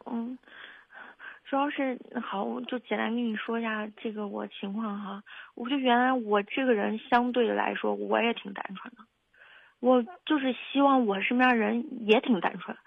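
A woman's voice: a little high, fairly even intonation, vocal fry, dry recording, narrow, tinny audio. A woman caller on a radio advice show, talking hesitantly with frequent restarts. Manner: hesitant, halting, restarts often. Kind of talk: call-in advice conversation.

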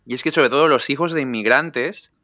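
A man hosting a casual chat in a teasing, energetic way. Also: medium pitch, a little fast, no room sound, clean studio sound. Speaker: host.

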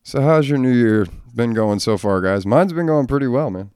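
A man's voice: medium pitch, expressive, normal speed, a little mellow, smooth, no echo, studio quality. A man hosting a casual solo podcast, a father talking in a blunt, profane, ranting way. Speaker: podcast host.

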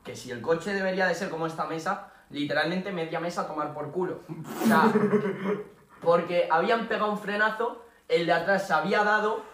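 A man from tells a story to friends on a casual podcast. He is animated and full of slang. His voice is bright and a bit high, picked up from far off in an echoey room with a faint hiss. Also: fairly quick. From Spain. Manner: animated anecdote-telling, laughing, full of slang.

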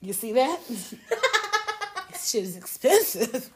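A woman hosting a casual podcast chat, profane and quick to laugh, who also reads the show's outro. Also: sits high, very animated, fairly bright tone. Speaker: podcast host.

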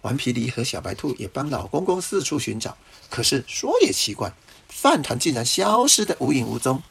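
A man reading a children's story aloud to a child, pausing to ask the listener questions. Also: mid-range voice, very animated, creaky, slightly rough. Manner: gently asks the listener questions.

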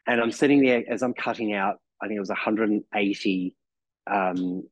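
On a muffled, echo-free recording, a New Zealand man in his forties speaks at a normal speed in a lowish voice. He's a podcast guest in a loose, casual chat, often restarting his thoughts and leaning on "you know."

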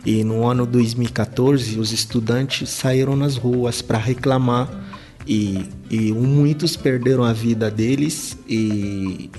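A young man from DR Congo, telling his story as an interview guest with halting speech and many fillers. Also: medium pitch, steady tone, darkish tone, soft background music. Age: young adult. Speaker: interview guest, visual artist. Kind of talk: casual interview answers.

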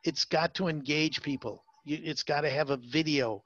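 A man's voice: a little high, steady tone, moderate pace, fairly bright tone, dry recording, muffled recording. A man being interviewed as a salon marketing consultant, talking emphatically with many fillers and repeated words. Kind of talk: interview, advice talk.

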